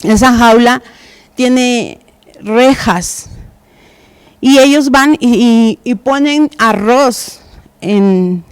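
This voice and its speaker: A woman delivers a sermon at a slow, unhurried pace, stopping often for fillers and fresh starts. Her voice sits a little high, and the recording is dry and close. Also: clear, resonant tone, no room sound. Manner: hesitant, many fillers and restarts. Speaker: preacher. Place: church.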